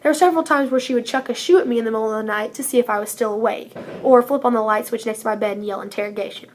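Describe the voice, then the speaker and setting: As a student speaker, a teenage girl reads a prepared speech from a script in an earnest, upbeat way. Her voice is on the high side and very fast, with a little hiss or hum in the audio.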